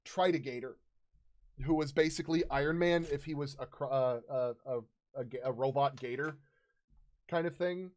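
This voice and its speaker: A man in his thirties with a medium-pitched voice hosts and casually recounts tabletop game stories, halting often as he searches for words.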